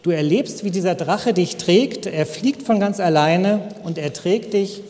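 An earnest male preacher who tells stories and urges his listeners to trust, in a gentle, encouraging manner. His voice sits high for a man, and a long hall reverb trails every phrase. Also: a little slow. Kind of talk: sermon with storytelling.

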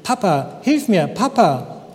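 A man's voice: sits high, sing-song, slow, a little mellow, heavily acted. A man voicing a frightened little boy of four or five, who pleads and sobs with a trembling voice. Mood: panicked pleading. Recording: long hall reverb.

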